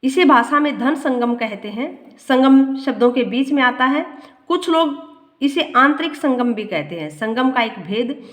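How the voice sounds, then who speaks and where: A woman with a fairly high voice reads grammar notes aloud as a teacher. She often goes back over a line slowly to make it clear. The room around her echoes noticeably. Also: animated. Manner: reads a line, then repeats it slowly to explain.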